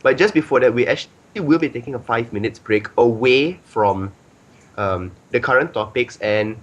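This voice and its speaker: A man's voice: medium pitch, a bit bright. A man hosting a casual podcast, rambling with many ums and filler phrases. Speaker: podcast host.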